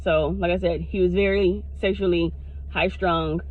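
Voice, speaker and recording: A woman's voice: lowish voice, steady tone, normal speed, phone-quality sound. A woman vlogger telling a candid storytime to her viewers, with frequent swearing. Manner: talks straight to the viewers. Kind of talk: casual storytime.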